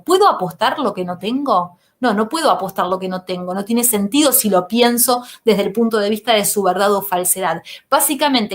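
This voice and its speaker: A woman teacher giving a recorded lecture, explaining step by step and often checking in with "¿sí?". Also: on the high side.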